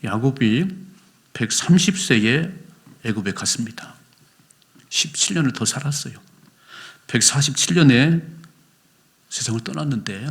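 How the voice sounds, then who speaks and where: A man preaching a sermon in a church, talking to the congregation in a conversational way, asking them questions and sometimes dropping to a hushed whisper for emphasis. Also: mid-range voice. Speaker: pastor.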